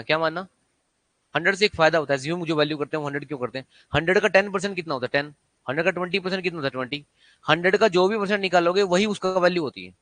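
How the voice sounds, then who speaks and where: Male maths teacher, exam coaching; high, bright voice, dry close sound, drills students with quick check-questions. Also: dry recording. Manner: quizzing students with repeated rhetorical questions. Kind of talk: exam-prep maths lesson.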